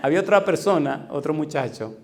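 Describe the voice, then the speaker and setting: A middle-aged male pastor preaching a sermon, telling a story with lively acted-out dialogue and sound effects. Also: medium pitch. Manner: animated, acts out dialogue and makes sound effects.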